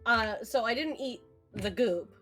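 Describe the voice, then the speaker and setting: A woman's voice: on the high side, a little slow, loud music behind the voice. A woman playing a tabletop game, chatty, laughing and cursing casually as she retells events. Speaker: player.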